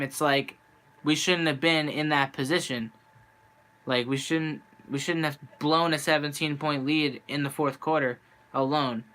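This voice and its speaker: A man's voice: a little high, bright, forceful tone. Frustrated young man venting on stream. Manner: frustrated, rambling, restarts often. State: losing his voice. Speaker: sports fan streamer. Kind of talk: venting live-stream monologue. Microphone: handheld camera.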